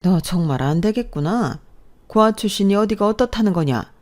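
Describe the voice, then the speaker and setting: A woman's voice: medium pitch, lively intonation, normal speed, a little mellow, pitched above the performer's own voice, lightly acted. A woman voicing a stern older mother-in-law in a storybook narration, with a firm, scolding manner.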